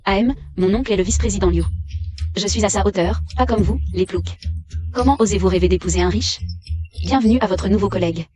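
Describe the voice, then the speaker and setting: A woman's voice: mid-range voice, a little fast, warm tone, natural voice. A woman dubbing snappy drama heroines. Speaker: dub voice actress. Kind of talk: dubbed short drama dialogue. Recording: faint music behind the voice.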